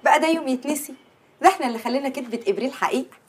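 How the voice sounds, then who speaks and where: A woman's voice: high-pitched, racing, background noise, close to an everyday voice. A woman playing a sassy Egyptian young wife. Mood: bickering. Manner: bickering, affectionate. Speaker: wife, schoolteacher.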